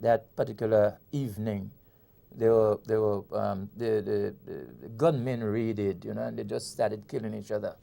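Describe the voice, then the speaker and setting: In a conversational interview, a poet and author from Grenada talks through his work, often repeating words and restarting before landing a point. His voice is lowish, gravelly and mellow, with fairly even intonation at normal speed.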